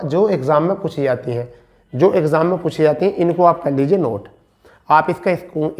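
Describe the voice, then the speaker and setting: A man teaching spelling in an online exam-prep lesson. He repeats each word slowly, quizzes his students and calls them beta and bhaiya. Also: a little high. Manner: addresses listeners as beta and bhaiya. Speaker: Hindi teacher.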